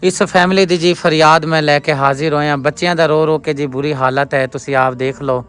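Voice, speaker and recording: Pleading Punjabi-accented man, smooth voice. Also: fairly high pitch, fairly even intonation, brisk, a bit bright. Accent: Pakistani Punjabi. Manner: pleading, consoling. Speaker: vlogger appealing for a poor family. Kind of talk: emotional charity appeal vlog.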